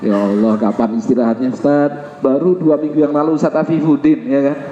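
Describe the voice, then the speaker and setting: A man's voice: mid-range voice, fairly even intonation, brisk, dark tone, slight background noise. A man giving an Islamic sermon in a chatty way, acting out little household scenes and checking in with the listeners. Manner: conversational, acts out household dialogue, asks the crowd "ya kan?". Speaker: preacher. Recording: echoey hall, dull lo-fi sound.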